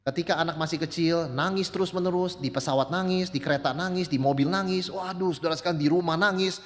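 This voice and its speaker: High-voiced man preaching in a reverberant church. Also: fast talker. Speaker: pastor. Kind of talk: sermon. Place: church sanctuary.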